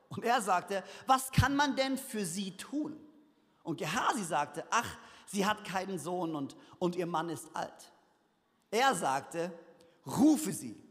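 A man preaching a sermon, reading a scripture story aloud and adding lively, humorous asides. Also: high-pitched. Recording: hall reverb.

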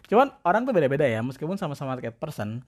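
A man's voice: on the high side, sing-song, rapid-fire. A young man with chatting casually in a self-deprecating monologue. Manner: chatty, slangy, self-deprecating, mimics cat-talk voices.

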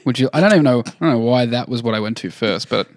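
He is a man riffing through a podcast chat, cracking jokes as he goes. His pitch rises and falls in wide, expressive swings. The sound is close and dry, with no room echo. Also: very fast. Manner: jokey, riffing. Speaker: podcast co-host. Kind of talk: casual chat.

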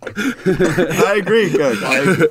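A man's voice: high-pitched, animated, takes it slowly, a loud crowd. A young man co-hosting a podcast with casual sports banter. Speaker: podcast co-host.

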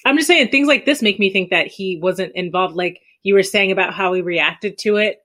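A woman's voice: mid-range voice, normal speed, a bit bright. A woman debating casually on a podcast in an informal, skeptical way.

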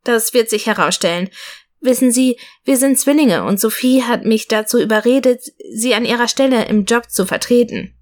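A woman's voice: a little high, normal speed, lightly acted. A woman reading an audiobook voices Emma, an anxious young woman who is a twin, in a pleading, slightly raised voice.

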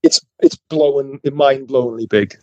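A man from the United Kingdom co-hosting a podcast, telling stories in casual chat, excitable and laughing often. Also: medium pitch, unhurried, dry recording, highs cut off. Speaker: podcast co-host.

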